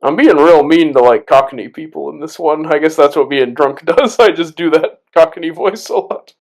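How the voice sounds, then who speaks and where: A man's voice: a little high, normal speed. A man co-hosting a casual movie commentary podcast, talking loosely with lots of fillers and laughs. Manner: rambling, laughing, filler-heavy. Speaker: podcast co-host.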